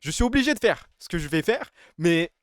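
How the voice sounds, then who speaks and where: A man's voice: high voice, sing-song, fairly quick, a bit bright, smooth, dry recording. Young man streaming, dry close sound. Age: 20s. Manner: rambling and joking, lots of laughing and exclaiming. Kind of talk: casual live-stream chat with viewers.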